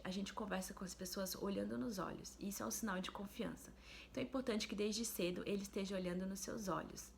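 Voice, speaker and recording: A woman, a speech therapist, giving clear instructional advice to parents in a video. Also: mid-range voice, a little hiss or hum. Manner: clear, explanatory, demonstrative.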